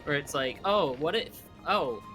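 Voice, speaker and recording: Man, casual chat, rambling, lots of "like", slightly high voice, clear music behind. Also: animated, a little slow, poor audio. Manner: rambling, many fillers and restarts.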